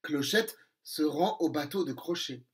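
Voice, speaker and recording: Guy reading a kids' story out loud, really slow, lots of expression. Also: on the high side. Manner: slow, expressive read-aloud. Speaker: children's storyteller. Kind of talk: reading a storybook aloud to children.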